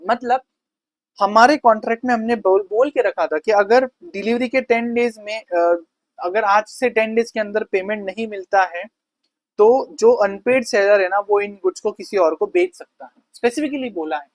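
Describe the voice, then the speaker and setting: A man's voice: high voice, no echo, low-quality recording. Man teaching law with rhetorical questions. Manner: slowly reads English definitions, then explains quickly in casual speech; asks the class rhetorical questions. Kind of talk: conversational law lecture.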